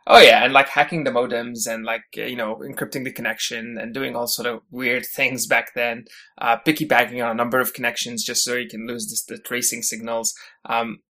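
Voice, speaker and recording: Bright and forceful, the mid-range voice of a Syrian podcast guest moves a little fast with little pitch movement. He's a head of engineering telling casual interview stories, chatty and heavy on fillers and restarts.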